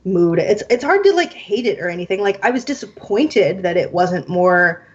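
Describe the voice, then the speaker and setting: Husky woman chatting about a movie. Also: medium pitch, normal speed. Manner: animated, laughing, acts out quotes, swears casually. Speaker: podcast co-host. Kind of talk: casual film chat. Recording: muffled lo-fi sound.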